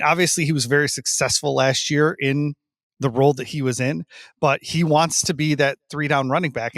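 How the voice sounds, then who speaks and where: A man's voice: mid-range voice, no room sound, studio quality. A man guesting on a sports podcast, explaining his view in casual chat, hedging often with "like.".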